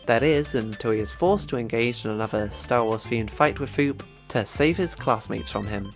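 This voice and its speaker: A man's voice: medium pitch, normal speed, faint music behind. Man narrating a wry video essay. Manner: wry, chatty commentary.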